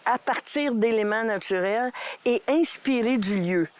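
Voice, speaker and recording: A woman's voice: on the high side, measured pace, a little mellow, clean tone. Thoughtful Québécois woman artist. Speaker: artist guest. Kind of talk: casual interview answer.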